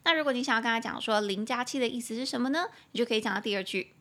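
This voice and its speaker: A woman in her twenties with a Taiwanese Mandarin accent, hosting a casual podcast English lesson and slowly repeating words as she explains them. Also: fairly high pitch, a bit bright. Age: 20s. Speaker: English teacher podcast host.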